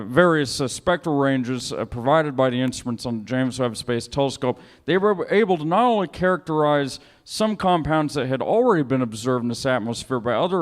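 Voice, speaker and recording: A man presenting astronomy news at a public science talk, enthusiastic and halting with many fillers. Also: mid-range voice, smooth. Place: bar event hall. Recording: long hall reverb.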